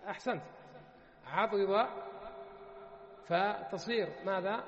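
A man teaching Arabic grammar one-on-one, patiently quizzing his student with repeated questions and drawing out word forms slowly. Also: sits high, fairly bright tone. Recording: muffled, echoey room with long reverb.

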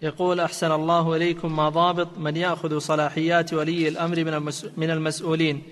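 Man reading questions, formal, monotone, slightly high, echoing hall. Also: quick pace. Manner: steady, formal reading in a flat, even tone. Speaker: reader of submitted questions.

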